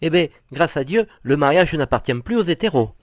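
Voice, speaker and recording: A man's voice: on the high side, expressive, a little fast, no echo, clean studio sound, close to an everyday voice. A man playing a doting camp husband. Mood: teasing. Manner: affectionate, teasing, gossipy.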